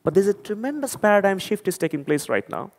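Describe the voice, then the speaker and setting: Speaking quickly in a high, very animated voice, this conference speaker from Bangladesh addresses an audience in a Bangladeshi accent. He is earnest and emphatic, frequently repeating words as he hunts for them, and the hall adds a long reverb.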